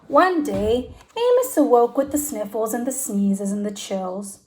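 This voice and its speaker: Female teacher for children's read-aloud: high voice, very lively intonation, deliberate expressive storytelling.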